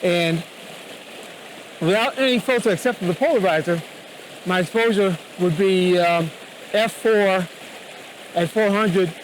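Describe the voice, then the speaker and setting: High-voiced man talking beside a rushing river. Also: low-quality recording. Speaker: photography vlogger. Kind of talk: casual on-location photography tutorial. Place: outdoors beside a rushing cascade. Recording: loud rushing stream noise. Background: rushing water.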